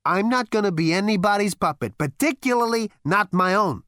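A brash, petulant young male space rogue from a storybook who rants and defies anyone telling him what to do, as a woman reading aloud plays him. The voice stays near her own register but bounces about lively. It sounds dry and close. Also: medium pitch, a little fast, no echo, voice pushed up, natural voice. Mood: ranting. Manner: ranting, defiant. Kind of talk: audiobook character voice.

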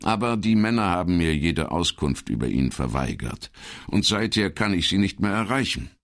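A man voicing a polite, guarded middle-aged male police detective in a measured tone. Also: deep voice, very animated, pitched above the performer's own voice.

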